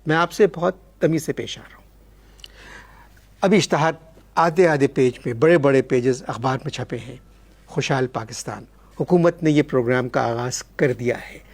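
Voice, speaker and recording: A man playing a polite, formal TV host who tries to calm an angry guest in a satirical sketch. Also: mid-range voice, normal speed, close to an everyday voice.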